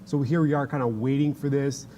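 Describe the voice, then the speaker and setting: A man's voice: medium pitch, fairly even intonation, a little fast, mellow, slight background noise. A man presenting casual, conversational trading commentary as a futures trader on a show. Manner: informal, conversational.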